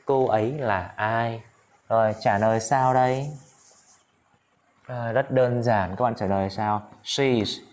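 His voice is mid-range, steady and darkish as this Vietnamese-speaking man gives a casual English lesson. Phrases get repeated slowly, and he often addresses his listeners directly.

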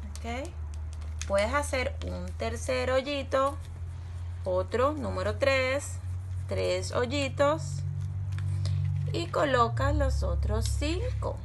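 A woman's voice: on the high side, vocal fry, slight background noise. A woman teaching little children, talking patiently and repeating words for them to say back. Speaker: preschool teacher. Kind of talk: slow gentle lesson for young children.

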